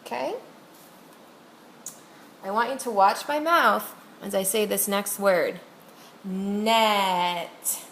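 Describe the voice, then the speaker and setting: A woman teacher demonstrating a reading lesson with a student, saying each word slowly and deliberately to model its sounds. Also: medium pitch, lively intonation, vocal fry, a bit bright. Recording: echoey room with faint noise.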